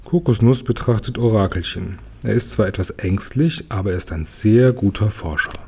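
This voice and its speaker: A man calmly reading a children's book aloud, chapter by chapter. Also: on the low side, moderate pace, breathy edge. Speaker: reader.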